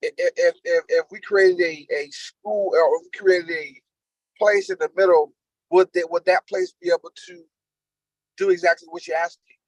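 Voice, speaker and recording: A man who is a board member, joining by remote call and asking questions haltingly, repeating words while he searches for phrasing. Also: high-pitched, fairly even intonation, dry recording, poor audio. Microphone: remote call connection.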